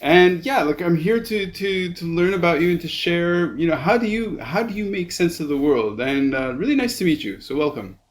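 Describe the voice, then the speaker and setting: A man hosting a podcast in casual chat, halting and repeating words as he thinks. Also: high voice, animated. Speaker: podcast host.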